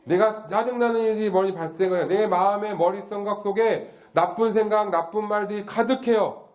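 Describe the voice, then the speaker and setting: A man preaching a gentle, simple sermon as pastor, telling a Bible story slowly and asking the listeners questions. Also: high voice, dull audio. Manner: acts out dialogue voices for God and Cain. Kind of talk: simple sermon for a special-needs congregation.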